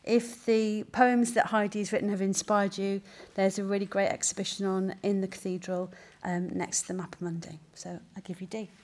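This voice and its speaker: A woman's voice: medium pitch, little pitch movement, normal speed, darkish tone, a little hiss or hum. A woman, a poetry mentor, introducing a young poet at a cathedral reading in a chatty, slightly hesitant way.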